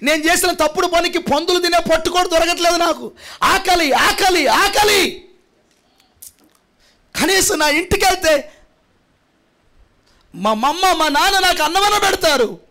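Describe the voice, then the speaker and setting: A man's voice: very high-pitched, a little slow, pauses often, bright, forceful tone, pitched above the performer's own voice, exaggerated voice. A preacher voicing a starving young man begging for food. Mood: desperate pleading. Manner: wailing, repetitive pleading. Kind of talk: sermon story retelling.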